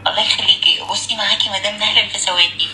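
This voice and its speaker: A man's voice: high-pitched, fairly even intonation, pushed and bright, roomy sound, slight background noise. A man doing a woman's voice, playing an anxious, complaining female patient with an Egyptian Arabic accent in a prank phone call. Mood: polite. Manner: rapid, dramatic complaining.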